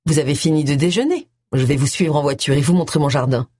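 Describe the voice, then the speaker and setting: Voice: medium pitch, fast, a little mellow, breathy edge, no echo, clean studio sound, lightly acted. A reader voicing a self-assured retired colonel.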